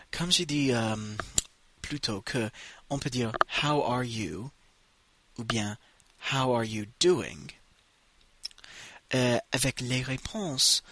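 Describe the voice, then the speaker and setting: Man, language lesson, bright husky tone, very slow delivery, dry close sound. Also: medium pitch, no echo. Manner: slow, drawn-out model phrases for repetition. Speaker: English teacher.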